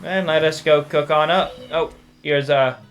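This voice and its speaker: A man hosting a let's play, giving relaxed, casual commentary with chuckling asides. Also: fairly high pitch, a little slow. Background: game music.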